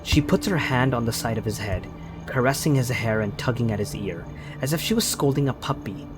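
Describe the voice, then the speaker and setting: A man's voice: medium pitch, expressive, fairly quick, music in the background. A man running a tabletop role-play game as game master; he narrates scenes and explains them with hesitant restarts.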